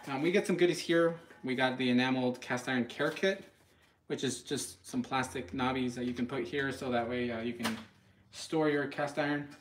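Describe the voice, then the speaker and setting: Speaking at a normal pace in a mid-range voice, a man hosts a channel and reviews products live from his home kitchen. He talks to viewers casually, with some hesitation, and the recording carries a slight hiss or hum.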